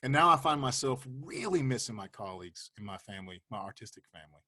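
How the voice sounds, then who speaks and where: Husky, lively-voiced man in his forties. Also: mid-range voice, fast. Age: 40s. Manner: laid-back, laughing, swears casually. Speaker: host. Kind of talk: casual video-call chat. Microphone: video call.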